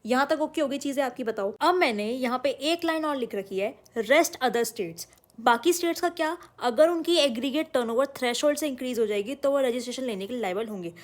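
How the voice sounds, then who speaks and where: A woman's voice: sits high, expressive, a little fast. A woman teaching an online exam-prep lecture, talking emphatically and calling her students "beta". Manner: emphatic, addresses students as "beta", mixes English terms. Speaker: commerce tutor.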